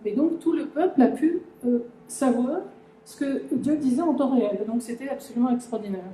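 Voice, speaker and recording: Woman lecturer, dark mellow voice, halting talk to a live audience, roomy echo. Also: high voice, a little hiss or hum. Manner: hesitant, many fillers and restarts, addresses audience directly. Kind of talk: conference talk explaining a language. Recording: echoey lecture room.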